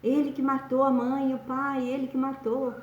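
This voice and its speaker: A woman voicing a shrill, defiant young servant woman. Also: little pitch movement, moderate pace, close to an everyday voice. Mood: accusing. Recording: dull echoey room.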